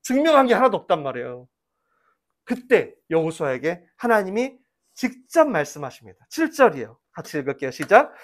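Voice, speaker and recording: Animated Korean pastor preaching. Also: male voice, high-pitched, fairly quick. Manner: lively storytelling, acting out voices in quotes; leads congregation in call-and-response reading. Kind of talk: sermon.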